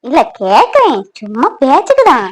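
A woman playing a lively, playful village girl. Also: high voice, normal speed. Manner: playful and chatty, lively intonation. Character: young village girl, playful but wary of family. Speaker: actor in a family fan drama. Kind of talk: village romance drama acting.

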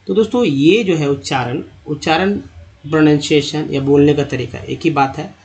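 A man teaching English pronunciation to other speakers, patiently spelling out letters and repeating words slowly. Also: on the high side, darkish tone. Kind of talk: spoken lesson on English pronunciation.

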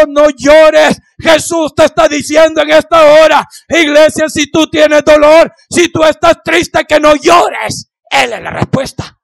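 A male pastor preaching a fervent sermon in a church, shouting refrains and dropping to hushed pleas, questioning the congregation. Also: extremely high pitch, vocal fry, no echo. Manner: repeats "santo es el Señor" and questions the congregation.

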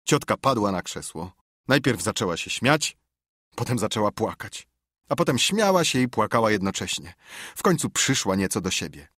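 A man reading an audiobook as narrator, expressive in his storytelling, on a studio microphone. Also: fairly low pitch, normal speed, slightly rough, no room sound. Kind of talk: scripted narration.

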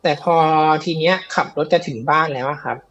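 A man's voice: on the high side, a little fast, fairly bright tone, dull audio. A man telling a ghost story in a casual, chatty way, with many fillers and repeats, on a live show. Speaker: guest storyteller of ghost stories.

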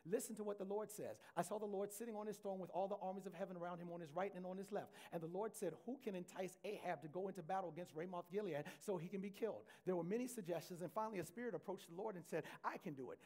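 Male pastor, high voice, preaching with call-and-response, live church mic. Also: a little mellow. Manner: reads scripture aloud, slowing down to stress key phrases. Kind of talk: sermon. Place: church sanctuary.

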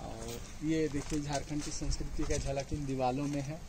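A man's voice: medium pitch, steady tone, moderate pace, dark tone, poor audio. A man in his forties explaining a farm outdoors, speaking patiently and pointing things out, recorded close up on a phone camera. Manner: patient, points things out and keeps saying "look". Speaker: farm guide. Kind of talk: explaining a farm on a walking tour. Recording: clear outdoor noise behind.

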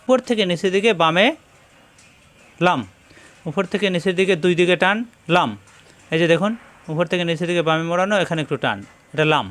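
A Bangladeshi Bengali-accented man teaching Quran reading, explaining Arabic letter shapes and repeating each letter sound slowly, several times over. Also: high-pitched, a bit bright, clear, resonant tone. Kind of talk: lesson on recognising Arabic letters.

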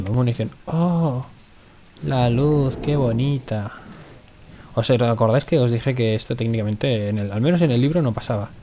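A man's voice: mid-range voice, slight background noise. A man from Spain with a Spanish accent, commenting on his own game and swearing a lot when he gets nervous in fights. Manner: swears often, jumpy and excitable in fights. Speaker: gaming commentator. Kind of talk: let's play commentary.

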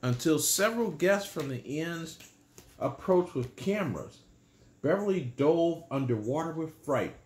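A man reading a bedtime story aloud and gently explaining it to children. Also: a little high, animated, unhurried, reverberant, slight background noise. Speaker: storyteller, channel host.

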